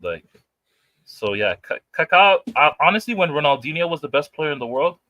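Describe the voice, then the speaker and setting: A man's voice: a little high, sing-song, moderate pace, bright, forceful tone, no room sound, lo-fi sound. A man in his late twenties, arguing football in casual chat, emphatic and repetitive, calling people bro. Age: 20s. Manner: emphatic, repeats himself, says bro a lot. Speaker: podcast co-host.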